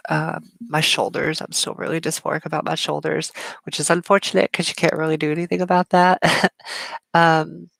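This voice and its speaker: A woman's voice: deep voice, flat delivery, moderate pace, gravelly, a bit bright, no echo. A woman hosting a casual live Q&A stream, talking chattily with frequent fillers, smiling as she speaks, with strongly sibilant S sounds. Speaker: livestream host.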